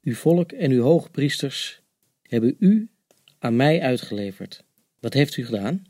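A woman voicing a stern, questioning male Roman governor in a dramatized scripture reading, her voice pushed down low. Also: very animated, a little slow, mellow, no room sound, clean studio sound, full character voice.

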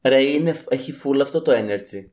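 A young man from Cyprus, co-hosting a casual chat in a relaxed, measured way. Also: medium pitch.

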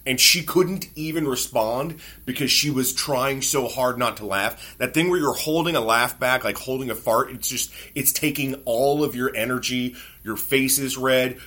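A man hosts a podcast and tells casual comedy stories about his own awkward moments. His voice is bright and forward, and he swears freely in a wry, self-mocking way. He keeps the delivery loose and conversational. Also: medium pitch. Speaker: podcast host.

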